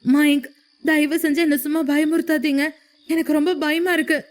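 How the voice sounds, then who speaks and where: A woman's voice: on the high side, brisk, darkish tone, natural voice. A woman voicing a frightened young woman who pleads and trembles in a storybook narration. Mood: frightened pleading.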